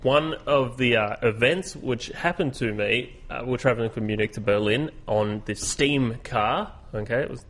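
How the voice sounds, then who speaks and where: A man's voice: mid-range voice, normal speed, few pauses. A man, chatting on a podcast. He rambles, restarts often and laughs his way through retelling a story. His pace is easygoing and conversational. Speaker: podcast co-host. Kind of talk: casual chat.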